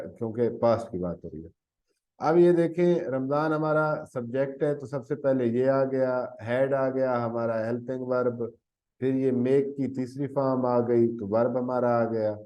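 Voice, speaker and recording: This English teacher speaks with a Pakistani Urdu accent in a medium-pitched, dark voice, captured on a rough recording. Explaining tenses, he coughs frequently, self-corrects, and checks on the class with "theek hai ji."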